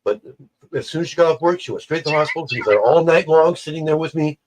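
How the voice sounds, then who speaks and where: A man's voice: a little high, animated, fast talker, low-quality recording. A man telling a personal story in casual chat on a livestream, acting out the people he quotes. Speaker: livestream guest.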